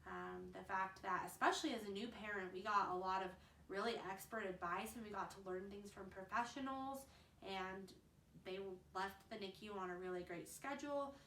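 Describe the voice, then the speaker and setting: A young woman, a mother of twins, talking fast and earnestly to camera in a casual advice vlog. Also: medium pitch, fairly bright tone, a little hiss or hum. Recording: roomy, slightly distant mic.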